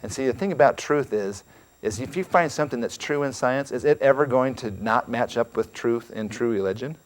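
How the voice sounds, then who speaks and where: A man's voice: mid-range voice, a little fast. Earnest man giving a church lecture. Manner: earnest, emphatic, repeats words. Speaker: church speaker. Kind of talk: religious lecture.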